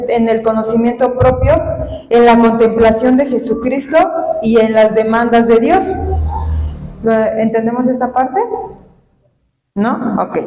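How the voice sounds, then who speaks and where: A woman with a high voice teaches a church Bible class. She works through her points, repeats them and asks her listeners if they follow. The room rings with a long, echoing reverb. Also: dark tone. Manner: spells out words letter by letter. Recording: echoey hall.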